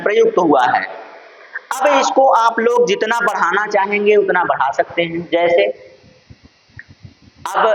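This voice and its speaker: High-voiced man teaching a Sanskrit lesson. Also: fairly bright tone. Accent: Purvanchal Hindi. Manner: addresses viewers as friends, asks and answers his own questions. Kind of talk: exam-prep lesson. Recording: dull lo-fi sound.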